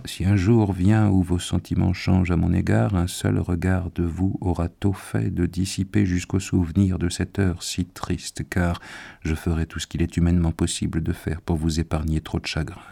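A grave old professor, as a male narrator plays him, with a very low, gravelly voice. He speaks solemnly and measures every phrase, patient even when pressed. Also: exaggerated voice.

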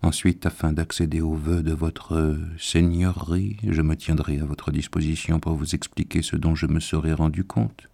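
A man voicing a grave, patient old professor in a storybook reading, speaking in solemn, measured tones. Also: rumbling low, level tone, gravelly, mellow, exaggerated voice. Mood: pleading.

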